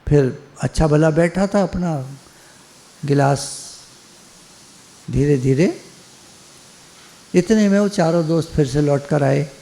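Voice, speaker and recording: Mellow-voiced man telling a parable. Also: fairly high pitch, slow, gravelly, long pauses. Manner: plain conversational storytelling, repetitive. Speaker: spiritual speaker. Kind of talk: spoken parable and satsang talk.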